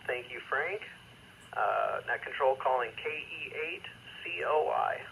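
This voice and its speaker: A man's voice comes over a two-way radio with faint static, bright and forward at a middling pitch. He runs an amateur radio net, giving procedural instructions in a formal, measured way. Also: lively intonation, gravelly, poor audio. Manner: measured, formal, with hesitant asides. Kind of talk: procedural radio net announcing, reading protocol.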